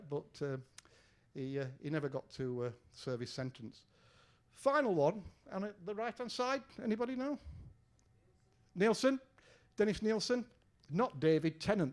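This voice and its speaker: This older Englishman, once a detective, has a fairly high and slightly mellow voice. He presents a lecture in a lecture room, keeping it conversational with fillers and questions aimed at the listeners.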